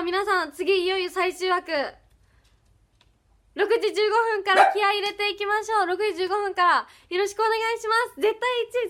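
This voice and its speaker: Very high-voiced young woman livestreaming. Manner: bubbly, thanks viewers, reads out rankings quickly. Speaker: livestream host. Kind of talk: casual livestream chat with viewers. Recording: loud background noise.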